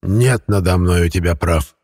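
A man voicing a gloating old undead ghost guarding a treasure, croaking with spiteful, drawn-out menace. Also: sits low, a little mellow, no echo, studio quality.

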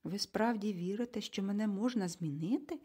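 A woman's voice: medium pitch, normal speed, dark tone, slightly rough, natural voice. A woman voicing a meek, polite, anxious boy in an audiobook, speaking timidly. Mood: worried.

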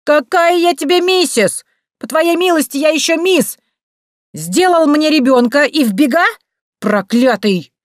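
A woman reading aloud voices a brash, shrill woman who screams accusations at a jilted lover. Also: animated, measured pace, no echo, clean studio sound. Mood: furious.

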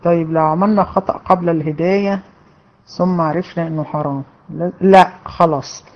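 A woman's voice: fairly low pitch, fairly even intonation, a little fast, muffled recording. Woman teacher, Egyptian Arabic accent, casual Q&A lesson, reads questions then chats through answers. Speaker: religion teacher.

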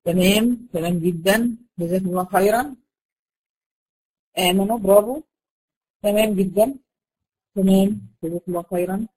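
A woman's voice: mid-range voice, brisk, long pauses, a little mellow, rough recording. Egyptian woman, tajweed teacher; patient, asks the class questions and answers them herself; stretches out example words. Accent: Egyptian Arabic. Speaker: Quran recitation teacher. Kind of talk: online tajweed lesson to a class of girls.

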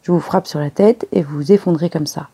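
A reader putting on a fussy little male detective, precise and pleased with his own jokes, in a storybook reading. The voice is gravelly and dark, with a husky edge. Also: medium pitch, a little fast. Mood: coaxing.

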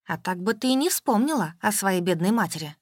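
A woman's voice: medium pitch, expressive, slightly rough, no echo. Woman doing a nagging, self-pitying old mother. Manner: reproachful, whining, rapid complaining.

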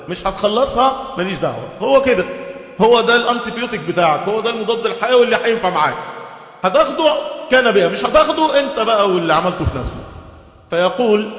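A man with an Egyptian accent giving a lively, sarcastic religious lesson, mimicking others and slowing down to recite texts. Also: sits high, roomy sound, big-room sound. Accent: Egyptian Arabic.

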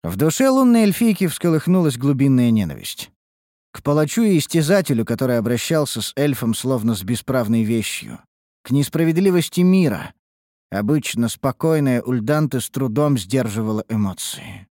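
Man, fantasy audiobook narrator, steady reading, mid pitch, dry close sound. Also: moderate pace, no echo.

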